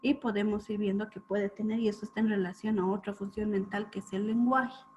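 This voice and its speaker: A woman lecturing students on clinical topics, explaining step by step and often checking in with a quick question. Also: medium pitch, flat delivery, darkish tone. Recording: dull lo-fi recording with faint hum.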